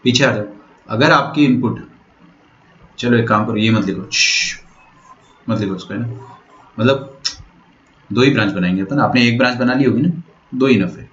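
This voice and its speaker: A man's voice: medium pitch, moderate pace, pauses often, fairly bright tone. A man teaching maths in an online lecture, explaining step by step and often checking that students follow. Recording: roomy, dull lo-fi sound.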